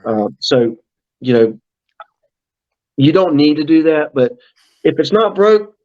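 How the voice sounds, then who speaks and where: A man's voice: fairly high pitch, very animated, slow pace. Chatty middle-aged man, slightly dull sound. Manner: talkative, frequent fillers and restarts. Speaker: brand manager guest. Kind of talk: casual podcast chat.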